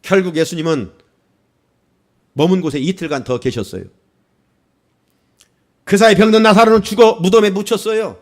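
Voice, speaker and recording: A man's voice: sits high, normal speed, long pauses. A male pastor preaching a sermon, asking the congregation questions and rising into exclamations.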